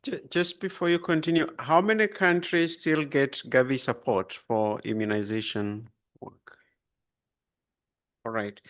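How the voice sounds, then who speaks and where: Guy moderating a group session, medium pitch, informal. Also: fairly even intonation, measured pace, fairly bright tone.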